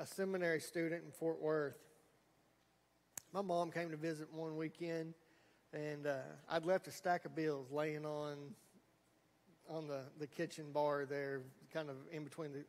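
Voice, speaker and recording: A man's voice: fairly high pitch, little pitch movement, moderate pace. A middle-aged man preaching a sermon, telling folksy stories and acting out quotes. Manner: folksy storytelling with acted quotes. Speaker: pastor. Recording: long hall reverb.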